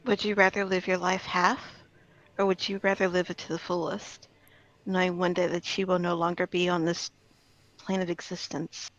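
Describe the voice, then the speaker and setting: A woman playing a gentle, earnest fae-touched woman in a tabletop game, speaking in measured, philosophical riddles. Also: on the low side, level tone, highs cut off, lightly acted. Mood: earnest, reflective.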